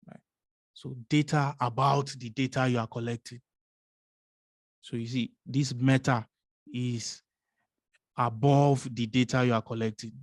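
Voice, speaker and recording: Male course instructor, mid-pitched, dry close sound, rhetorical teaching style with steady "right?" check-ins. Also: measured pace, long pauses, dry recording. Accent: non-American English. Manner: repeats "right?" often, asks rhetorical questions. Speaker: business analysis instructor. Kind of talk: explanatory course lecture.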